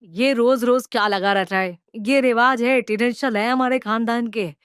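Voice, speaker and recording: A woman's voice: a little high, fairly even intonation, normal speed, clean tone, no room sound, clean studio sound, natural voice. A woman voicing a bossy greedy mother-in-law. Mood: demanding. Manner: bossy, nagging, demanding. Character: greedy scheming middle-aged mother-in-law. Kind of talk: cartoon voice acting.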